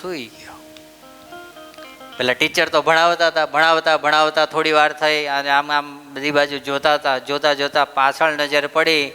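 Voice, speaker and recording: A male preacher telling a story in a lively sermon, full of rhetorical questions to the audience. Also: fairly high pitch, moderate pace, clean tone, in a large hall, faint music behind. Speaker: preacher giving a religious discourse.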